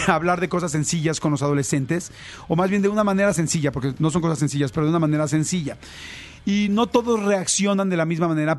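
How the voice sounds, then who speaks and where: A man giving casual parenting advice, talking conversationally and addressing listeners directly. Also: a little high.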